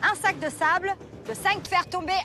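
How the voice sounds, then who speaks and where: A woman's voice: extremely high pitch, moderate pace, bright, forceful tone. A woman refereeing and announcing challenges as the host of a game show, outdoors. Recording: music behind the voice.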